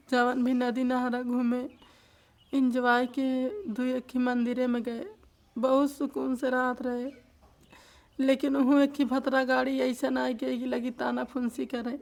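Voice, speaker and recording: A woman's voice: high-pitched, vocal fry, a little mellow. A young woman from eastern Uttar Pradesh with a Bhojpuri-influenced accent, speaking tearfully and lamenting in an emotional interview. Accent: Bhojpuri-influenced Hindi.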